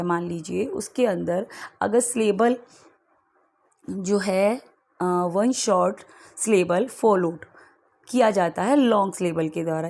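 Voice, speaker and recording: Indian lady teacher going over exam questions, bit of fry in her voice, reads the english bits real slow. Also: medium pitch, a little mellow, low-quality recording. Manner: explains step by step, reads English questions slowly. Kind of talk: exam-prep lecture.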